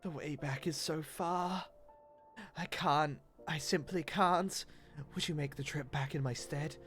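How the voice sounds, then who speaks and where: A man's voice: a little high, measured pace, fairly bright tone, faint music behind. A man doing a breathless, dramatic courier. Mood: breathless pleading. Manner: theatrically out of breath, pleading.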